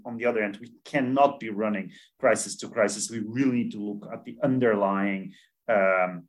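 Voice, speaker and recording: Earnest man, lowish voice. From Belgium. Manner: earnest, many restarts and repeated words. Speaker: podcast guest, food policy expert. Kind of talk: interview answers.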